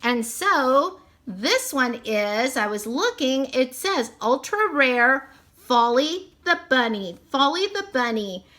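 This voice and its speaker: A woman's voice: high voice, very animated, slow, sharp tone. A woman narrating a toy unboxing, gushing sweetly and repeating how cute everything is.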